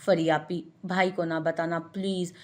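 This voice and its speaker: A boastful young joker who never stops teasing his cousins, his lines playful and mocking, read out by a woman. The voice sits a little low. It is heard in a narrated audio story. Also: little pitch movement, unhurried, close to an everyday voice.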